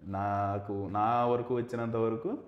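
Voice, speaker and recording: A man's voice: on the low side, level tone, slow, lo-fi sound. A man from Anantapur with a Rayalaseema Telugu accent, a stand-up comedian hosting a podcast and telling stories bluntly with jokes and English words mixed in. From Anantapur village, Andhra Pradesh. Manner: blunt, joking storyteller mixing English words. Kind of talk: casual podcast chat. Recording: echoey room.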